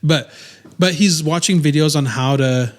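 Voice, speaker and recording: Rambling dad chatting on a podcast. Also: male voice, on the high side, a little slow, slight background noise. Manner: rambling, many restarts and fillers. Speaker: podcast co-host. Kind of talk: casual chat.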